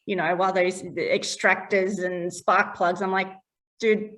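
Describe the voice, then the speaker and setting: A woman's voice: on the low side, flat delivery, a little slow, a bit bright, far from the mic. A chatty woman in an interview, explaining her property valuer work in plain terms and laughing often. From Australia. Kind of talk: casual interview chat.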